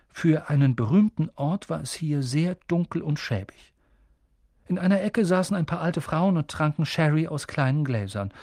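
A male narrator reads a storybook aloud, his voice rising and falling with lively expression. The tone is husky and slightly breathy, and the recording is dry and close. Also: a little high, no room sound. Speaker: audiobook narrator. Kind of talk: expressive audiobook reading.

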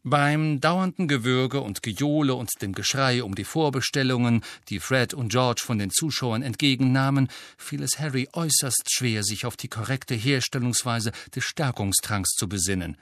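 A man reads a novel aloud in a steady, measured way, with a mid-range voice. The recording is dry and close, with no room echo at all. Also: medium pitch. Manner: even, measured reading. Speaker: audiobook narrator. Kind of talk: scripted narration.

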